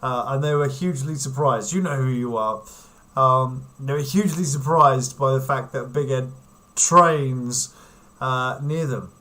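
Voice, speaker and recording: A man's voice: medium pitch, a little slow, bright, forceful tone. A man hosting a casual livestream, rambling and giggling as he chats with viewers. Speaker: livestream host.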